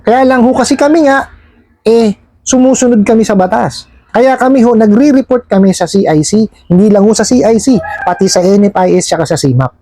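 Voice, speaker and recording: A man's voice: very high voice, dark tone, no room sound. A man from a lending company talking casually to viewers, polite and explanatory, often checking in with "right?" as he goes. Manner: keeps asking "di ba?" and "no?", polite "ho" and "po".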